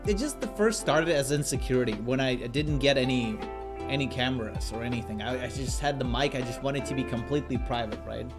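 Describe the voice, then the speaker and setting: Over a voice call with lofi music behind him, a man appears as a guest streamer in a casual chat, telling stories full of banter and swearing. He speaks fairly quickly in a mid-range voice.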